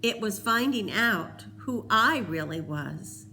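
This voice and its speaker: A woman's voice: medium pitch, lively intonation, slow pace, bright, forceful tone, a little hiss or hum, full character voice. A woman reading aloud voices a remorseful teenage boy who pleads earnestly. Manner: pleading, earnest, then whispering.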